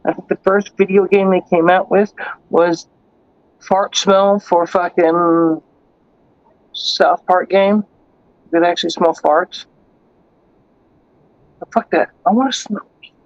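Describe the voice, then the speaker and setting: A man hosting a livestream, rambling loudly and swearing freely, with frequent laughs and a rowdy way of calling out to viewers. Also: high-pitched, fairly even intonation, takes it slowly, pauses often, no room sound, lo-fi sound. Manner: rambling and profane, laughs often. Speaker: livestream host. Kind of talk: casual livestream chat.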